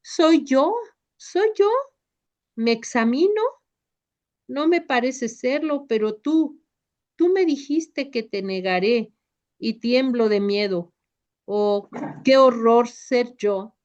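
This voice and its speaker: A woman's voice: on the low side, extremely slow, pauses often. A woman voicing a frantic, pleading apostle. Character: Peter, anguished male apostle, frantic. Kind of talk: devotional reading. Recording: dull lo-fi recording.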